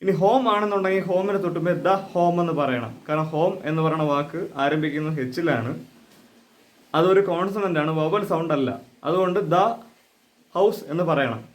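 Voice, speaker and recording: A man's voice: a little high, brisk. Man with a raised voice teaching English. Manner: explains step by step with repeated questions. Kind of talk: explaining lesson.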